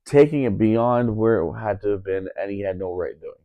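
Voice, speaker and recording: A man's voice: fairly low pitch, normal speed, no echo, phone-quality sound. Indignant man telling a story, dry sound. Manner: indignant, repeats himself, many fillers. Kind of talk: casual storytelling chat.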